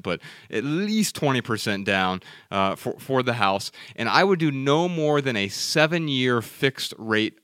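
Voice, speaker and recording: A man's voice: medium pitch, a bit bright, smooth, no echo, clean studio sound. A man in his thirties co-hosting a podcast. He speaks emphatically and lectures, often repeating words as he builds his point. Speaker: podcast co-host. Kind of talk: casual podcast talk.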